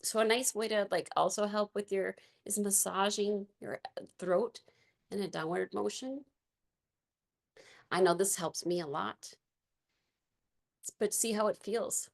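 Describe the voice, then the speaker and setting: Her voice is raspy and mid-range, with fairly even intonation, as she teaches a gentle movement and meditation session. The instructions are soft, unhurried, and filled with fillers.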